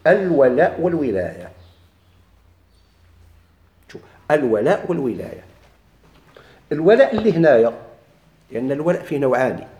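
رجل بلهجة مغربية يلقي درساً في الفرائض، يكرر المصطلحات ويسأل طلابه. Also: male voice, a little high, mellow, echoey room. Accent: Moroccan Arabic. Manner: repeats key terms, quizzes students. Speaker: teacher of Islamic inheritance law. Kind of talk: classroom lecture, questions and answers.

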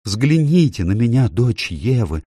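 A man voicing a gentle, sorrowful male faun who sobs out his guilt in a storybook reading. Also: medium pitch, big pitch swings, measured pace, breathy edge, no room sound, studio quality, pitched above the performer's own voice. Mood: confessing. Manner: sobbing, mournful.

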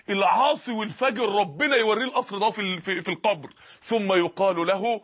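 A man's voice: sits high, breathy edge, muffled recording. An Egyptian man preaching an emotional sermon, pleading with his listeners through repeated rhetorical questions. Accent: Egyptian Arabic.

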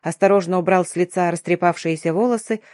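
A woman narrating a novel in the first person, at a steady, measured storytelling pace. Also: lowish voice, no echo, clean studio sound. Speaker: audiobook narrator.

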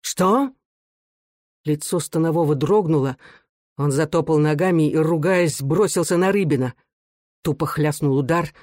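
A man narrating a novel in a measured, expressive way, as an audiobook reader. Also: on the high side, no echo, clean studio sound. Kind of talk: dramatic literary narration.

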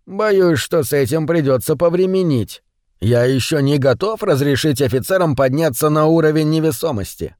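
A man's voice: a little high, normal speed, darkish tone, no echo, clean studio sound, lightly acted. A man voicing a calculating male ship captain who speaks in a cold, condescending way.

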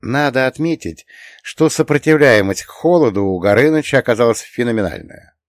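A man's voice: mid-range voice, animated, a little fast, no echo, clean studio sound. A man narrating a first-person fantasy audiobook in a wry, conversational way, with the occasional curse.

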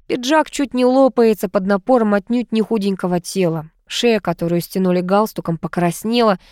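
A woman narrating a first-person audiobook with a wry, expressive storytelling manner. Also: medium pitch, no room sound, studio quality.

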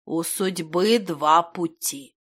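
A woman's voice: fairly low pitch, lively intonation, moderate pace, natural voice. A woman reading the lines of a gloomy, cryptic old male wizard in a dry, reproachful manner. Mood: grim. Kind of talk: audiobook character reading.

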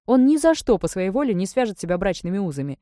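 A woman narrating an audiobook in the first person, measured and wry. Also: medium pitch, very animated, mellow, no room sound, clean studio sound.

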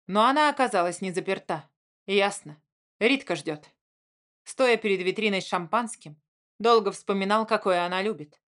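A female narrator with a medium-pitched voice reads from a novel. The delivery is scripted, even, and measured in a storytelling manner.

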